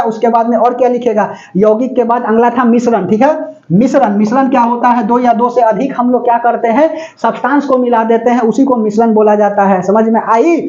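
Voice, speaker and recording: Male chemistry teacher, very high pitch, dull lo-fi recording, keeps asking the class questions. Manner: constantly quizzes students with rhetorical questions; relaxed, joking everyday examples. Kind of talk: classroom lecture.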